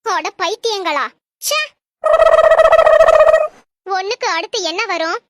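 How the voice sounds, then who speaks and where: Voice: very high voice, takes it slowly, heavy background noise. A performer voicing an exasperated female schoolteacher who scolds her cheeky pupils in a comedy cartoon. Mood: scolding. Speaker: teacher.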